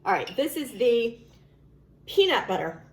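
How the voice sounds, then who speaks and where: A woman's voice: fairly high pitch, big pitch swings, measured pace. A woman hosting a casual cooking video in a chatty, emphatic way, drawing out some of her phrases. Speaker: cooking show host. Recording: echoey room with faint background noise.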